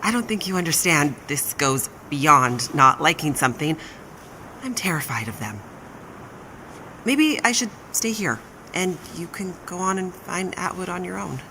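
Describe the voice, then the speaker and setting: A woman's voice: fairly low pitch, very animated, unhurried, exaggerated voice. An actress voicing an anxious adult woman survivor in a video game, speaking in a fretful, pleading way. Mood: fearful. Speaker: game character. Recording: game audio with loud wind ambience.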